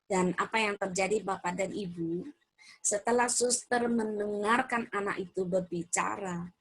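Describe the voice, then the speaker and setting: A middle-aged woman giving a parenting seminar, lively, asking the audience questions and acting out quoted voices. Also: mid-range voice, slightly rough.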